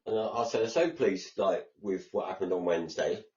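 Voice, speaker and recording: A low-voiced English man tells stories in a relaxed podcast chat, often quoting what he and others said. The audio is dull and lo-fi. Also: fairly quick. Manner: chatty storyteller, lots of reported speech. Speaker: podcast co-host. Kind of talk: casual chat.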